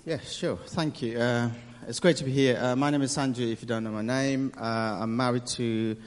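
A young man from Nepal, telling his story in a church interview, hesitant with many pauses and easy laughs. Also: mid-range voice, fairly even intonation. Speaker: interview guest. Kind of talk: casual testimony in church. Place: church hall. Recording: reverberant church hall.

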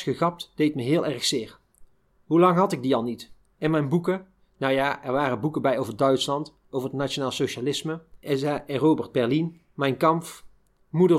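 A man reads a first-person memoir aloud, steady and measured. His voice sits fairly high for a man. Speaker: reader of a memoir.

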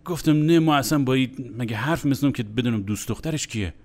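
A man's voice: medium pitch, darkish tone. A young man telling a crude, comic anecdote in a blunt, exasperated way. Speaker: storyteller.

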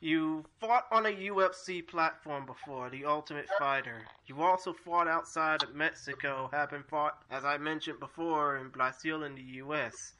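A man's voice: fairly high pitch, measured pace, few pauses, bright, forceful tone, a little hiss or hum, low-quality recording. A man co-hosting an interview, asking questions carefully and apologizing for his rusty second language. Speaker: co-host.

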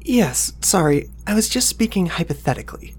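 In an audio drama, a man acts a flustered young office assistant whose voice swings up and down as he hesitates politely and keeps sounding apologetic. The voice is high-pitched, animated, husky, and at a normal speed.

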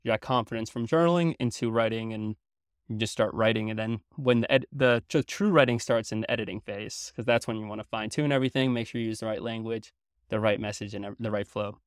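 With a fairly low pitch and a quick pace, a young Belgian man, French by mother tongue, talks earnestly as a guest in a relaxed interview, explaining with plenty of fillers and restarts. The recording is dry and studio-clean.

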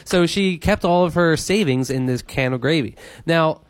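A man's voice: fairly high pitch, normal speed, noisy background. A man co-hosting a morning radio show, telling a joking story in a rambling way with fillers. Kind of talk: casual comedic radio banter.

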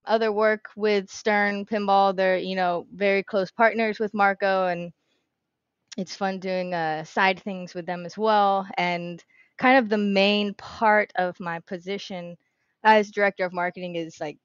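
A woman's voice: mid-range voice, steady tone, measured pace, clean tone, no room sound, dull audio. A woman guesting on a podcast as a marketing director, explaining her work in an upbeat, chatty way. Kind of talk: casual podcast interview.

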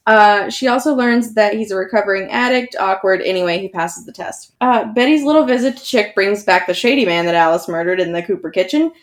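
A woman's voice: medium pitch, brisk, hardly any pauses. A woman co-hosting a podcast, recapping a TV episode in casual chat with wry asides and frequent laughter. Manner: laughs through her own summaries, wry asides.

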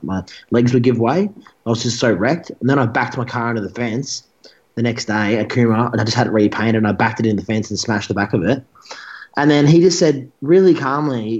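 A man's voice: medium pitch, muffled recording. A young man telling a long story as a guest in a casual interview, rambling and restarting his sentences. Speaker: guest bodybuilder.

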